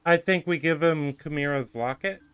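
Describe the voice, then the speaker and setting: Young male co-op gamer, smooth clear voice, a bit higher, easygoing short replies. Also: moderate pace, fairly bright tone, dry recording. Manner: agreeable, short replies, hesitant. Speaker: gamer co-op player. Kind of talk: casual gameplay chat.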